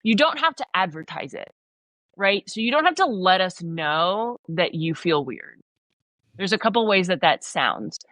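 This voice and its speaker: On this podcast interview, a Southern American woman who works as a leadership coach talks unhurriedly in a fairly low voice, with no echo. She's blunt and emphatic, bringing her stories to life by acting out small scenes.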